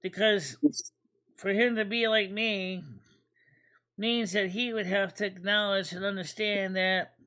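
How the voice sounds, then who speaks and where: A woman hosts a casual livestream chat in a bright, forceful voice. She rambles and often repeats words as she works through her thoughts. Her pitch sits right in the middle. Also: steady tone, unhurried, pauses often. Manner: rambling, repeats words while thinking aloud. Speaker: host.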